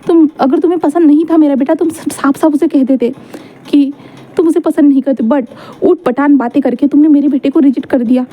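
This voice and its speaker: A woman's voice: sits high, steady tone, brisk, dull audio, natural voice. A woman voicing a stern, protective middle-aged mother who scolds her son's suitor. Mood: angry scolding. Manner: scolding, sharp questioning.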